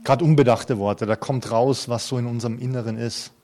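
A man's voice: medium pitch, steady tone, a little fast, warm tone. A man in his fifties preaching an earnest, conversational sermon to a congregation, with touches of light humor. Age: 50s. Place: church hall before a congregation.

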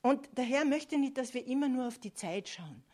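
A woman's voice: high-pitched, animated, normal speed, a little mellow. A woman preaching a sermon earnestly, often checking in with her listeners. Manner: earnest, with frequent "ja?" and "Amen" asides to listeners.

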